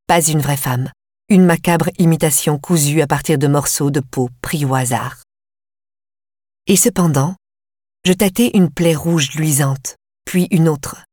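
This audiobook narrator is a woman whose low voice carries a first-person text in an even, composed way. It is recorded up close, dry, with nothing of the room audible.

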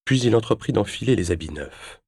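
A male audiobook narrator with a very low voice, reading in a measured, even way. The sound is dry and close, with no room echo. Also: vocal fry, breathy edge. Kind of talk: scripted narration.

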